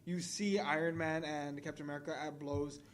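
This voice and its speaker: A man's voice: a little high, flat delivery, brisk, a little hiss or hum. A young man co-hosting a casual film podcast, joking and teasing his co-host in a crude way.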